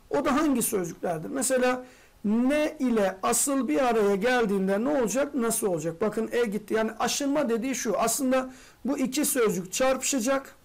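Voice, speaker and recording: A teacher giving an exam-prep grammar lesson, posing quick rhetorical questions, answering them, and addressing the students familiarly as friends. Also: medium pitch.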